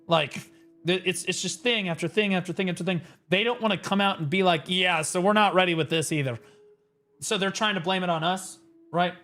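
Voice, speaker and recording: A man's voice: high voice, fairly quick, bright, forceful tone, faint music behind. A man on a livestream headset mic, ranting sarcastically and swearing through casual game commentary. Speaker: livestream gamer.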